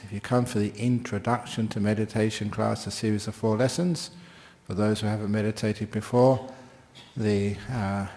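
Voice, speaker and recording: A man's voice: lowish voice, darkish tone. A man speaking informally as a meditation teacher, introducing a class in plain, short phrases.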